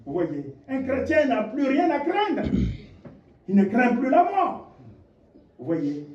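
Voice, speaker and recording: A preacher from DR Congo delivers a sermon in a high, very animated male voice with a warm, mellow tone, taking it slowly as he swings between hushed lines and shouted rhetorical questions. The dull, lo-fi recording comes from a distance in an echoey church hall, with slight background noise.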